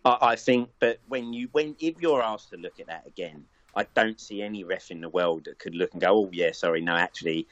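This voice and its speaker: A man's voice: fairly low pitch, brisk, few pauses, fairly bright tone, dry recording. A man in casual football chat as a pundit, thoughtful, with many fillers and restarts. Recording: dull lo-fi audio.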